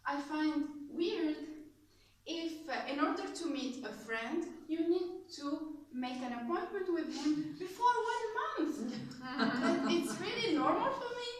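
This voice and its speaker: A young woman from Tunisia giving a prepared club speech, animated and laughing often, with fillers and restarts. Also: sits high, measured pace. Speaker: club speaker. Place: meeting room with audience. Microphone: far camera. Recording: echoey room from far off.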